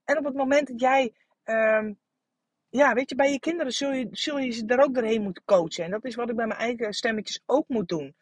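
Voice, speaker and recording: Husky and a little high, this woman's voice moves fairly quickly. She's a podcast host in her thirties giving a candid solo monologue, coaching listeners with casual swearing and lots of fillers and restarts, recorded dry.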